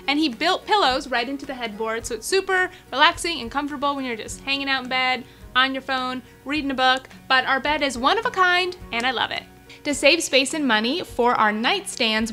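Bright-voiced bubbly young woman vlogger. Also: on the high side. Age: young adult. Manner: bubbly, enthusiastic, addresses viewers as you guys. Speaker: lifestyle vlogger. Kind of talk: upbeat product vlog. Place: bright bedroom, indoors.

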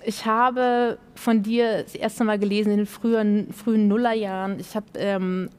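A woman's voice: medium pitch, flat delivery, moderate pace, darkish tone, smooth. A young woman moderating a panel on a theatre stage, earnest and hesitant with many fillers.

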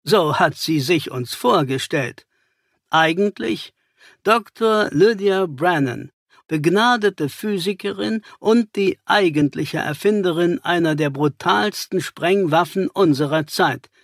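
A man doing a calm, superior detective. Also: high voice, takes it slowly, no room sound, studio quality, exaggerated voice.

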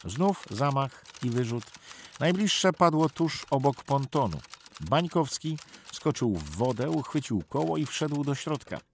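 A man's voice: mid-range voice, very animated, measured pace, a little hiss or hum. A man giving tense, vivid documentary narration of a sea rescue. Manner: tense, vivid storytelling that acts out the shouted orders.

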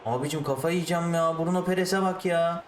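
A man's voice: a little high, a little fast, roomy sound, distant mic, a little hiss or hum. Exasperated man ranting over a football game. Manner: exasperated, ranting at the referee and players; switches to calm explaining of tactics. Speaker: gaming YouTuber. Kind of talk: live football game commentary.

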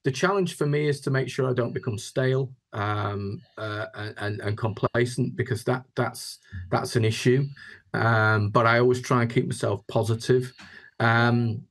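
On a video call, a housing chief executive from Yorkshire, England, gives reflective interview answers as a guest. He speaks at normal speed in a medium-pitched, steady voice, often repeating words.

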